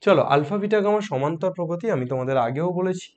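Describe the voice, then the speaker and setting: A man with a sore throat teaching a math lesson softly, coaxing students with questions as he works problems. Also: on the high side, expressive, fast, dull audio. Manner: coaxing, asks students questions, mixes English math terms.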